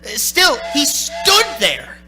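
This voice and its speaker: Playing a haunted, anxious young driver in a radio play, a male actor narrates in first person with a stammering, urgent, theatrical delivery. His very high voice swoops wildly in pitch, drawing out words in an exaggerated way. The mood is haunted and brooding, and the stage production includes music.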